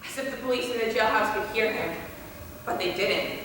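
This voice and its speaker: A young woman playing an earnest female high school student, giving a measured, heartfelt stage speech. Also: a bit bright, slight background noise, close to an everyday voice. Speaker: student actor. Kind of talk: stage play speech to a class. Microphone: distant room mic. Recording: echoey hall from far off.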